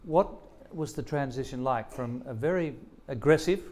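A man's voice: medium pitch, moderate pace, darkish tone. A man in his sixties hosting a stage interview at an event, asking jovial, teasing questions. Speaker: interviewer, emcee.

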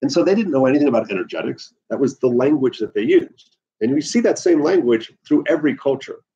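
A middle-aged man from the Bahamas teaching an herbalism class indoors, animated and gesturing a lot while he paces, recorded by a camera at a distance. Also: medium pitch, fast talker, slightly rough, dull audio. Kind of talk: lecture to a class. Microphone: far camera on the floor.

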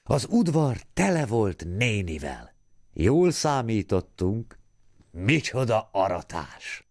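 A man reading a literary story aloud as an audiobook narrator, bringing quoted women to life with raised, lively voices. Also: lowish voice, no echo, studio quality.

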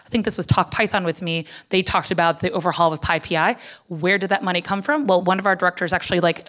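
A woman's voice: fairly low pitch, fairly bright tone. A woman in her thirties speaking conversationally to an audience in an informal conference talk, often dropping "like" into her sentences. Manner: conversational, peppers speech with "like". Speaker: conference speaker, foundation director. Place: on stage at a conference hall lectern. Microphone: handheld microphone.

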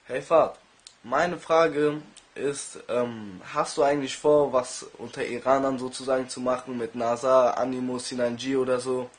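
A young man sits at his desk in a bedroom and records his questions for a rapper on a webcam. His voice sits at a middling pitch, and he reads his lines plainly with small hesitations. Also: fairly even intonation, moderate pace. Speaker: viewer asking questions. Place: bedroom with studio gear, indoors.

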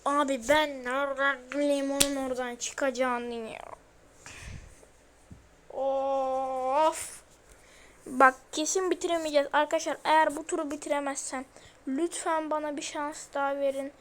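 A woman's voice: high voice, fairly even intonation, unhurried. A young woman playing a horror game, talking to viewers in a jittery, scared, exclaiming way. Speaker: gamer. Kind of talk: horror game let's play commentary.

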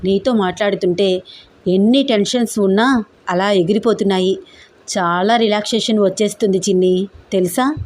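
A woman's voice: medium pitch, moderate pace, a little mellow, lightly acted. A woman reading an audio story, voicing a loving young man who speaks seriously and reassuringly.

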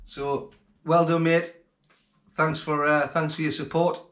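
A man's voice: a little high, flat delivery, measured pace, a bit bright. A man in his forties hosting a fishing channel, talking casually and gratefully to the camera at home. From England. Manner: chatty and grateful, plain-spoken. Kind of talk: casual vlog talk to camera. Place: home kitchen, then living room, indoors. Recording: roomy home acoustics.

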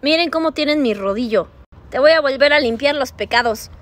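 A woman's voice: high-pitched, animated, a little fast. A woman, vlogging casually to camera about her pets, playful and often squealing and laughing. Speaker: pet vlogger. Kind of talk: casual vlog talk to camera.

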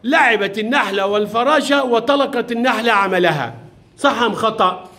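A male primary school teacher with a notably high voice fires questions at young pupils. He is patient, praises right answers and gently scolds those who stray. His delivery is classroom questioning. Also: a little fast.

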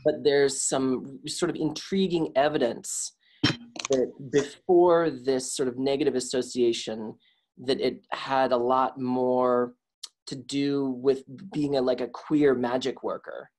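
A man's voice: medium pitch, steady tone, slow pace, a little mellow. A young man explaining an idea in a video call discussion, hesitant with many restarts. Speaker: workshop participant. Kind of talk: casual discussion.

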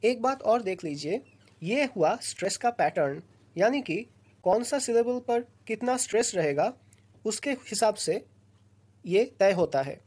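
A woman teaching a recorded lesson, explaining slowly and patiently in short phrases with pauses between them. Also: medium pitch, animated, a little mellow, breathy edge. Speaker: lecturer.

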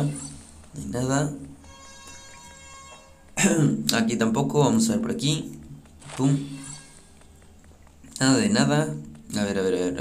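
A man commentating his own gameplay, muttering to himself between frantic outbursts. His voice sits in a middle pitch, with faint game music playing under it. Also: darkish tone. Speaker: gaming YouTuber.

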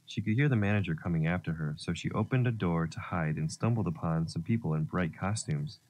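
A man narrating a children's story, gentle and expressive. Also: low-pitched, brisk, slight background noise.

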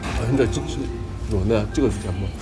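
A man's voice: on the low side, fast. A man in a casual, blunt and playful eating-show chat, sometimes talking with his mouth full. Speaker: food show co-host. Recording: loud music bed, food sizzling. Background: music and sizzling food.

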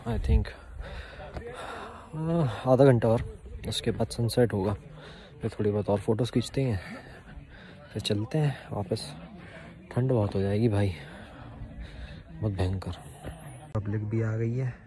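A man's voice: on the low side, unhurried, pauses often. A young man chatting casually for a travel vlog outdoors on a hillside, talking to a handheld camera. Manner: chatty, laughing, excitable. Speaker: vlogger.

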